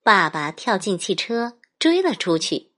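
A woman's voice: mid-range voice, very animated, unhurried, a bit bright. A woman storyteller narrating a children's picture book expressively.

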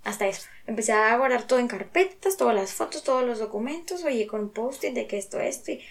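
A woman's voice: fairly high pitch, expressive. A young woman with a Mexican Spanish accent telling a personal story in a casual chat. She talks in slang, swears freely and acts out what people said. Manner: slangy and profane, quick to swear.

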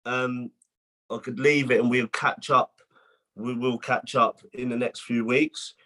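Boxer in his twenties on a podcast, mid pitch, stop-start delivery. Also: flat delivery, pushed and bright. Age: 20s. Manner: halting, many restarts and fillers. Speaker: guest, boxer. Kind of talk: casual podcast chat.

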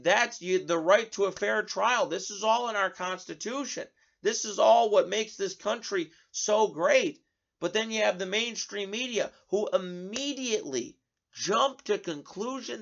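A man's voice: sits high, a bit bright, dull audio. A male talk show host giving an indignant, sarcastic political commentary monologue, often restarting his words.

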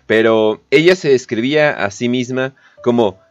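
A man with a Mexican accent hosts a podcast, delivering slangy, profane, joking commentary on the news packed with fillers. His voice is medium-pitched at a moderate pace, and the dry, dull lo-fi audio has faint music behind it.

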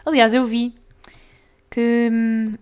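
A young woman with a European Portuguese accent, hosting a casual solo podcast, talking fast and tripping over tongue twisters. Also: a little high, flat delivery, a little mellow, clean tone. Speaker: podcast host.

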